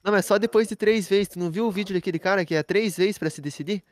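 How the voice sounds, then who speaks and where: A man's voice: sits high, fast talker, no room sound. A man in his twenties from Brazil, joking and teasing as he co-hosts a casual gameplay session. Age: 20s. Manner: joking, teasing, excitable, lively. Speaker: gaming channel co-host.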